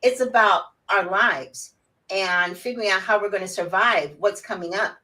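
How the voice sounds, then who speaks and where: A woman in her sixties, outspoken and animated, chatting as an interview guest. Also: mid-range voice, normal speed, recorded from a distance, poor audio. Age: 60s. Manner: animated, outspoken, laughs often. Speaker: guest, wellness summit organizer. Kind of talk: casual interview chat.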